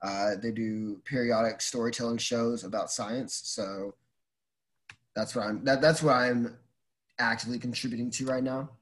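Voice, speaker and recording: A man's voice: mid-range voice, fairly even intonation, a bit bright. Man chatting casually as a podcast guest. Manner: halting, thinking aloud, informal. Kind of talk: casual chat.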